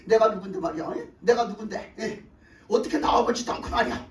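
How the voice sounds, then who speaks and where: A woman's voice: mid-range voice, a little fast, pitched below the performer's own voice, natural voice. A woman voicing a proud, offended army general, ranting in an indignant, huffing way. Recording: echoey church, distant mic.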